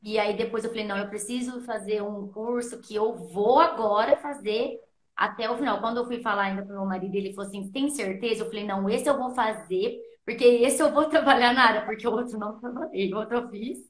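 A woman talks through her story as a podcast guest, her voice sitting a little high. She is earnest and keeps replaying her own past thoughts as quotes. The recording carries a roomy echo. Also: fairly quick. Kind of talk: casual interview storytelling.

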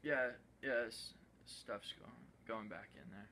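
A young adult man speaks slowly in a lowish voice that sounds pushed and bright, with a little hiss or hum in the recording. He plays a smug, clueless slacker proudly rambling through his cluttered basement, laid-back and saying "wicked convenient" over and over, filmed on the other man's handheld phone camera.

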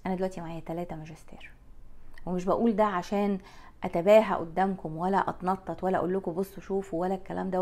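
A blunt, plain-spoken Egyptian woman in her forties, coaching her viewers straight to camera. Her voice sits a little low, and she talks with her hands. She is close on a lapel mic. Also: a little mellow. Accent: Egyptian Arabic. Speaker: life coach vlogger. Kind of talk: talking to camera. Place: bright room by a window.

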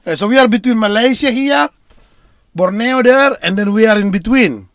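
A man in his late forties from North Sumatra, Indonesia, hosts a casual video-call chat, rambling and repeating his words. His voice is high-pitched and a bit bright at a normal speed, captured in a dry recording.

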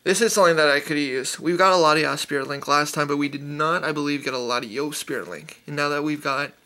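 A man's voice: a little high, sharp tone. A man casually opening card packs on camera, rattling off card names with enthusiasm. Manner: rapid-fire listing of card names, enthusiastic.

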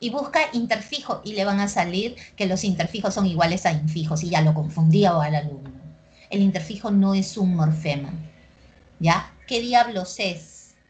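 A young woman with a Peruvian accent teaching a language class, lively and constantly checking that students follow along. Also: mid-range voice. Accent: Peruvian Spanish. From Peru. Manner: lively, keeps checking understanding with quick tag questions. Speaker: pre-university language teacher. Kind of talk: recorded class lecture.

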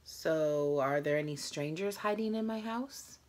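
Speaking in a low, unhurried, slightly mellow voice, a tired woman in her thirties chats casually to camera. She's hosting a challenge vlog from a small room at home.

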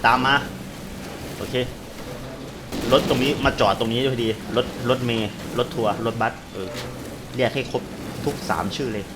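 Excitable man over loud gunfire. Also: mid-range voice, normal speed, long pauses, noisy background. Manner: excitable, loose slangy exclamations. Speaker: gamer translating a game into Thai. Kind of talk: live gameplay commentary. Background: game gunfire and explosions.

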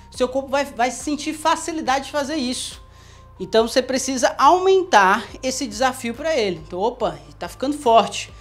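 Woman, joking fitness coach talking to camera, slightly high pitch, soft music under her. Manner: playful, joking, demonstrating moves while talking. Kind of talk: casual workout instruction to camera.

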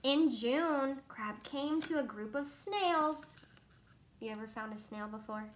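Lively woman reading a picture book. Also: high-pitched, takes it slowly, noisy background. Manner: animated storybook reading with questions to the listener. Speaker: reader to a child.

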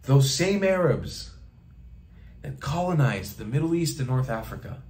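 In a small bedroom, a young travel vlogger addresses the camera in a medium-pitched, sing-song voice that is a little slow and a little mellow. He gives a passionate monologue, stressing points by repeating phrases and gesturing with his hands.

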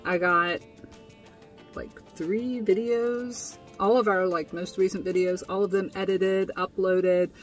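A young woman chats through her day in a relaxed vlog recap from inside a tent, full of fillers and easy laughs. She sits a little back from the camera, with faint music playing underneath. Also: mid-range voice, slow, far from the mic. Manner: chatty, with frequent fillers and laughs. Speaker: vlogger. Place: inside a tent, small and indoors.

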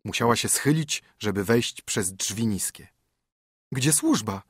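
A man narrating a fairy tale audiobook in a measured storytelling manner, close to a studio microphone. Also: fairly low pitch, husky, no room sound.

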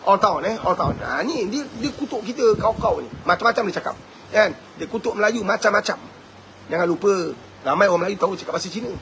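A man in his fifties with a Malaysian Malay accent, giving a fervent, preachy live talk as a motivational speaker and answering viewer questions, at times breaking into shouts. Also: high voice, expressive, fast talker, slight background noise.

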